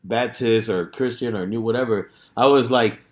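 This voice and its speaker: A man's voice: medium pitch, normal speed. A man telling stories casually in streetwise, profanity-laden slang, peppering his speech with bro and dude. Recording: roomy, echoing room sound.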